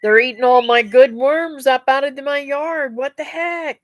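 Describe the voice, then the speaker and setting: In clean studio sound with no room sound, a middle-aged homestead vlogger reads live comments, chatting in a rambling way with her viewers and calling them "guys" and "y'all." Her voice sits high and is a little stuffy and nasal, at a measured pace.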